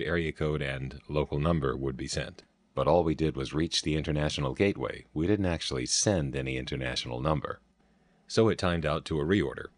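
Man, extremely low voice, explanatory narrator, technical and precise manner. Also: dry recording. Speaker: narrator of telephone history recordings.

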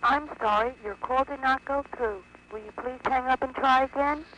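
A woman's voice: high voice, noisy background. Woman's old recorded phone announcement on tape. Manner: formal, polite and measured. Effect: old recorded phone announcement on worn tape. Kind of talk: scripted telephone intercept message.

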